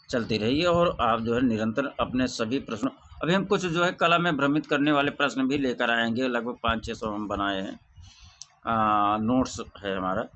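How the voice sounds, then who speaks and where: A man teaching an exam revision lesson, reciting questions and answers in a steady drilling way. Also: mid-range voice, muffled recording. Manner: softer, chatty sign-off to viewers.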